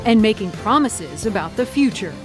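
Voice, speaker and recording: A woman hosting a news documentary in measured, dramatic scripted narration. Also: on the high side, animated. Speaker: documentary host. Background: music.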